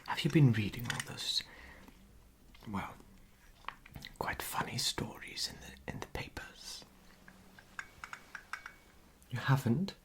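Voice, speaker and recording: A performer in a whispered role-play as a genteel period society lady, gossiping softly and confidingly at a tea parlour. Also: mid-range voice, lively intonation, takes it slowly, long pauses. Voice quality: soft, whispery.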